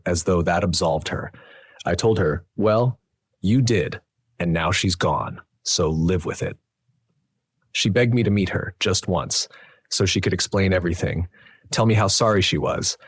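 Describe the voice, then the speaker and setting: A man narrating a first-person family drama story in a steady, dramatic way. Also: low voice, breathy edge, no room sound. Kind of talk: scripted narration.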